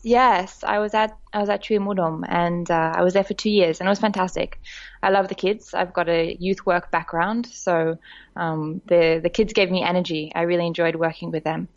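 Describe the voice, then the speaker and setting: On a podcast, a woman from Australia, a director of a women's network, shares her story in a warm, chatty way, laughing often and using plenty of fillers. She speaks at a moderate pace in a lowish, steady voice, over dull-sounding audio.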